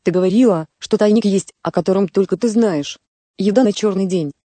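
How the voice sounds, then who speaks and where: A woman voicing a hungry, angry five-year-old village boy who whines resentfully, in a dark, mellow tone. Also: medium pitch, fairly quick, no room sound, natural voice. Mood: whining. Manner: whiny, resentful.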